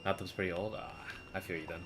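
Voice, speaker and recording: A deep-voiced man keeps a steady tone as he chats fast and casually on his live game stream. Video game music and dialogue sit behind his voice.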